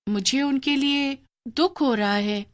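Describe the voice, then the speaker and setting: Casting: woman as a high, sweet, earnest young girl for a cartoon story. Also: slow. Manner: earnest, bright, childlike. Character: poor, gentle young girl.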